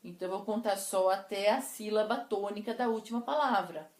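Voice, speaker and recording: A woman teacher explaining poetic meter to her class, counting syllables slowly and deliberately. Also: medium pitch. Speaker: literature teacher. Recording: echoey room.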